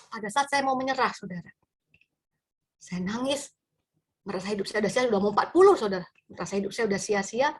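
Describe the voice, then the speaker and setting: A woman's voice: on the high side, slightly rough. A woman pastor in her forties preaching over a phone camera on a video call, telling stories and often calling her listeners "saudara". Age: 40s. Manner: addresses listeners as "saudara", storytelling. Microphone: front phone camera.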